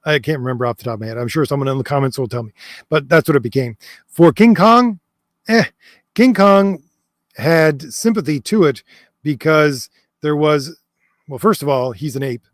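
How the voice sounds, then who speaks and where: In clean studio sound with no room sound, this man hosts a lengthy chat stream, reading viewer comments aloud and responding. His pitch is fairly high and his speed normal, but he hesitates a lot, restarting and using fillers, and says his voice is going.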